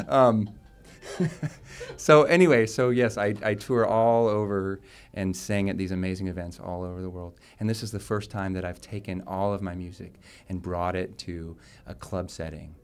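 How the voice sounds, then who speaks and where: Low-voiced chatty man, pre-show interview. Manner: chatty, self-deprecating, laughs often. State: choked up at times. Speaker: singer being interviewed. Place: club venue before a show.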